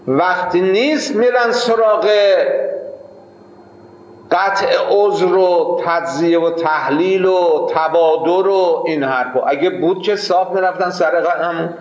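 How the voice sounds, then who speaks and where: A man's voice: high voice, dull audio. Argumentative male teacher in an echoey room. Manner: argumentative, fires rhetorical questions at listeners. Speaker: seminary teacher. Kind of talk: informal lecture to students.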